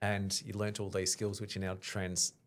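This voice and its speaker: A man hosting a podcast, asking interview questions in a halting way and rephrasing as he goes. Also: low-pitched, monotone. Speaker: podcast host.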